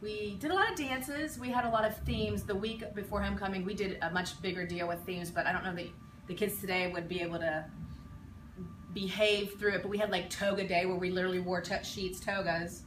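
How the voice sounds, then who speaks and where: A woman's voice: mid-range voice, steady tone, brisk. A woman in her forties from western Pennsylvania, a teacher looking back on her school years in a casual interview, reflective and rambling with many ums and restarts. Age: 40s. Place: school building. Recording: echoey room, mic far off, noisy.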